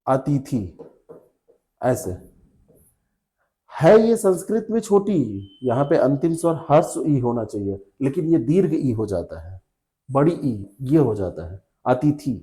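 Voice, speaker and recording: A man's voice: medium pitch, warm tone. A man teaching Hindi spelling in an exam coaching lecture, explaining step by step, asking rhetorical questions and often checking with "है ना".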